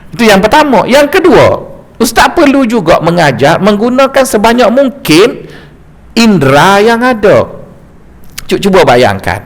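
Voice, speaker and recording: Lively stammering Malaysian preacher man. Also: sits high, vocal fry. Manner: lively, jokey storytelling with stammered restarts. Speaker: religious teacher. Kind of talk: mosque lecture. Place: mosque lecture hall.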